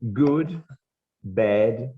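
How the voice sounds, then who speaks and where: A Brazilian man teaching an online English class, repeating words slowly and often checking that students follow. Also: mid-range voice, animated, narrow, tinny audio.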